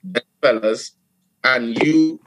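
With background noise behind him, a Trinidadian steelpan player and producer gives a casual, animated interview in his Trinidadian accent. His mid-range voice moves slowly, and he frequently restarts and drops in "you know."

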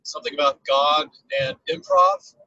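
A man's voice: on the high side, huge pitch swings, normal speed, gravelly, bright, forceful tone, no room sound. A man in his sixties co-hosting a podcast from inside a car, his voice tinny and boxed-in as if in a tin can, talking in a rambling, hesitant way. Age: 60s. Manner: rambling, hesitant, trailing off mid-thought. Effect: tinny, boxed-in sound as if inside a tin can. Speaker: podcast co-host. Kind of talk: casual chat. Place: inside a rental car on the road. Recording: dull lo-fi remote line from a car.

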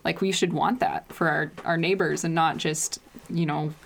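A woman's voice: deep voice, steady tone, normal speed. A woman in a casual faith discussion, speaking thoughtfully and reflectively with filler words.

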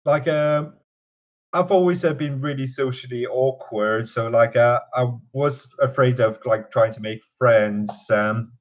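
The recording is dull and lo-fi as a young man in his twenties from Canada, with an accent mixing Canadian and British, speaks a little slowly at medium pitch. It's a casual interview, and he hesitates often, leaning on fillers.

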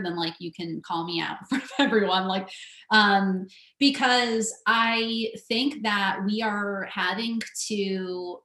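A woman's voice: mid-range voice, fairly bright tone. A woman guest on a podcast talks candidly about running her business, swearing freely and leaning on "like" as she goes. Her voice sits in the middle of the range. The recording carries a noticeable roomy echo. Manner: candid, swears freely, many filler likes. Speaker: guest entrepreneur and coach. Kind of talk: casual podcast conversation.

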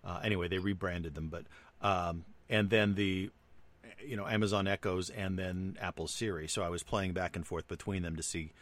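A man's voice: deep voice, steady tone, moderate pace, a bit bright. A man co-hosting a casual tech chat, chatty and wry, often laughing at his own examples. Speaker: tech podcast co-host.

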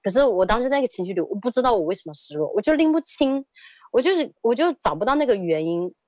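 Hesitant, rather high-voiced woman. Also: sing-song, fast, a little mellow, no room sound. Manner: hesitant, repeats words, frequent laughs. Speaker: interviewee. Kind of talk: personal testimony storytelling.

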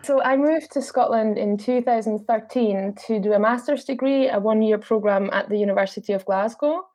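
A woman's voice: fairly high pitch, normal speed. Austrian woman chatting in an interview. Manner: relaxed, chatty, with filler ums. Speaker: travel blogger and podcast guest. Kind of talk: casual interview answers.

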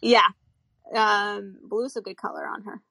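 Woman, pageant contestant, casual chat, husky with vocal fry, fairly high voice, easygoing. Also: little pitch movement, a little slow, pushed and bright, no room sound. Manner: easygoing, filler-heavy.

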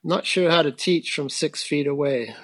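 A man's voice: on the high side, normal speed, a bit bright, dry recording. A middle-aged man, a frame-building teacher, explaining his work thoughtfully in a conversational interview, with hesitant restarts.

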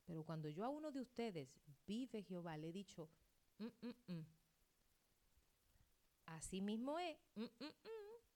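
A woman's voice: mid-range voice, very animated, measured pace, pauses often. Dramatic woman pastor preaching a sermon. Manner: dramatic, acts out quoted dialogue, wide swings between loud and hushed.

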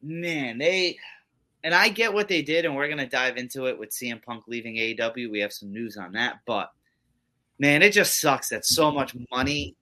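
A man co-hosting a casual wrestling podcast, talking in an animated, rambling way with swearing. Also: mid-range voice, normal speed. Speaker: podcast co-host.

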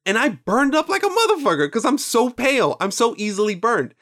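Very high-pitched and sing-song, his fairly bright voice moves a little fast. He's a man in his twenties with Mexican and Nicaraguan roots whose first language is Spanish, casually chatting on a podcast where he rambles, swears openly, and quotes what he was thinking.

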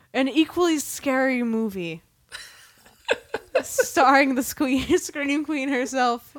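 A woman co-hosting a podcast who speaks slowly and giggles through her jokes. Her voice is a little high and swings widely in pitch. Faint music plays underneath. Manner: giggly, joking. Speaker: podcast co-host. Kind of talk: casual chat.

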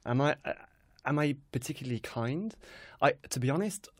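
A man's voice: medium pitch, animated, moderate pace, dry recording. Modest young man with an English accent. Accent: English, not from a specific place. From Switzerland. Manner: thoughtful, modest, self-deprecating. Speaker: guest, kindness project founder. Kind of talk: conversational interview.

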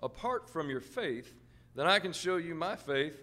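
A man's voice: a little high, expressive, unhurried, pushed and bright. A man reading scripture aloud as a supporting voice in a church sermon. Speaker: scripture reader and responder.

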